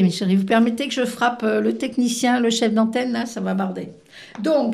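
A woman's voice: a little high, roomy sound. A woman presenting films on the radio in a playful, chatty, teasing way. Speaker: radio film columnist. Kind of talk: casual radio chat.

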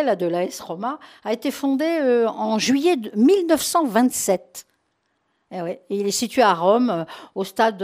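A woman's voice: mid-range voice, darkish tone. A woman talking casually on a radio show about a film, chatty with many fillers and laughs.

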